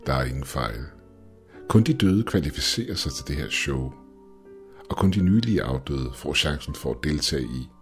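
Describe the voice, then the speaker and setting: Man playing a very deep-voiced sadistic game show host from a horror story, booming showman patter. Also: lively intonation, faint music behind. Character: grotesque male game show host, gleeful and cruel.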